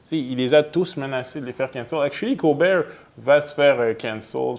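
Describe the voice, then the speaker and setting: Man, 20s, podcast co-host; gravelly, mid-pitched, hesitant casual delivery. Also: moderate pace. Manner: hesitant, restarts often, mixes in English. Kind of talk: casual chat.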